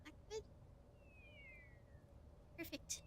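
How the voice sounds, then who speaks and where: A woman livestreamer thinks aloud while playing a game, commenting casually in a playful, exclamatory way. She draws out her words, and there's a little hiss or hum in the audio.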